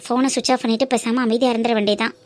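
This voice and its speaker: A woman's voice: fairly high pitch, steady tone, heavy background noise, lightly acted. A woman voicing Seetha, a young college student in a cartoon who talks earnestly and firmly about her family. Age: young adult. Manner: earnest, firm and quick-spoken. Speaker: cartoon character. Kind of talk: cartoon voice acting.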